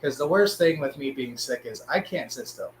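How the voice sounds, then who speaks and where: A man hosting a casual live stream, his voice sick and hoarse with a smoker's rasp. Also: mid-range voice, animated, normal speed, reverberant, slight background noise, poor audio.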